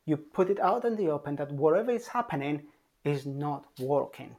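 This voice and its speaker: Calm parenting coach who keeps asking "yeah?". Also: medium pitch, normal speed. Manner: calm and emphatic, checks in with a frequent "yeah?"; repeats key points for emphasis. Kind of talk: advice talk to parents.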